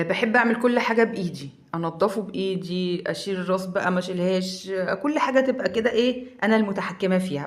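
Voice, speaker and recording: Fast-talking Egyptian woman cook. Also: medium pitch. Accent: Egyptian Arabic. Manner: chatty, frank, explains step by step. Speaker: home cook vlogger. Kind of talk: casual cooking talk to viewers.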